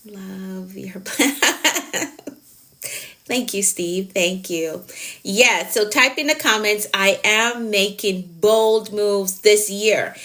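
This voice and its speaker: With a medium pitch, drawn-out words and a fairly bright tone, this woman coaches productivity on a live stream. She's emphatic, encouraging and motivational, circling back to her key phrases and replying to comments from viewers.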